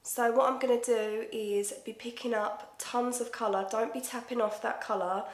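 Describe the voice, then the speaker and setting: A woman's voice: a little high, steady tone, moderate pace. A woman in her twenties with an Essex accent, chatting casually and swearing freely through a makeup tutorial. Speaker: makeup vlogger. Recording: echoey room.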